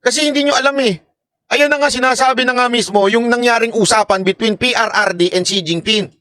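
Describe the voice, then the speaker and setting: A man's voice: very high-pitched, fairly quick, sharp tone, no echo, studio quality. A man from the Philippines doing casual live-stream political commentary, joking and mocking, laughing often and acting out the lines he quotes.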